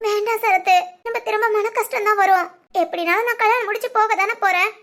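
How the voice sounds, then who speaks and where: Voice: extremely high pitch, fairly even intonation, a little fast, fairly bright tone. A performer voicing a tearful young woman in a cartoon, a devoted younger sister who pleads emotionally and insists on her choice. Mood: tearful resolve. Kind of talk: cartoon voice acting.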